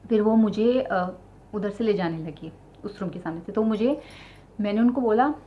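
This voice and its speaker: A woman's voice: mid-range voice, normal speed. A young woman chatting directly to her viewers, telling a personal story with lots of fillers. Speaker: vlogger sharing her childbirth story. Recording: slightly dull lo-fi sound with faint ambience.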